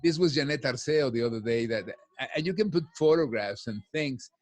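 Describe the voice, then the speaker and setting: Here the voice sits in the mid-range, expressive and fairly quick. He's a chatty middle-aged man, Spanish his native tongue, joining a casual podcast as a guest from his home office over a video call on headphones, and he restarts his sentences again and again.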